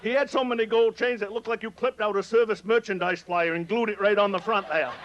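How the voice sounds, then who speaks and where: High-voiced Maine storyteller man. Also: brisk, fairly bright tone, lo-fi sound, slight background noise. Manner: folksy, rustic dialect, teasing the audience. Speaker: humorist telling stories on stage. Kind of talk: live comic storytelling. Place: on stage before an audience.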